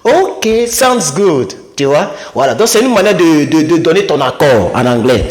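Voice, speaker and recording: A man giving a casual lesson at a whiteboard, explaining phrases in a lively way and acting out short dialogues. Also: fairly quick. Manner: lively, acts out little dialogues in a higher voice. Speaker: English teacher. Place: room with a small whiteboard.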